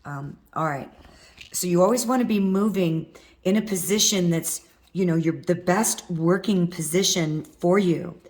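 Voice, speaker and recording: A little slow and darkish in tone, a middle-aged woman teaches a wire craft step by step, chatting while her hands do the work. Her low, worn-out voice is hoarse and husky from vocal cord nodules.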